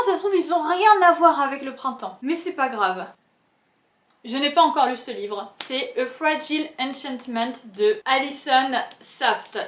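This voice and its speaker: A woman's voice: sits high, roomy sound. A young woman giving casual, rambling book recommendations for her channel, with a chatty, self-mocking manner. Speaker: book vlogger.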